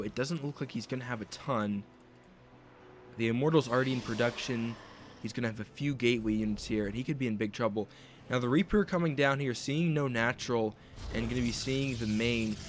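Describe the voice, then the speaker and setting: Man, young adult, esports caster, play-by-play, mid-pitched voice. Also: background noise. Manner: speculative, questioning play-by-play. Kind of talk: play-by-play game commentary.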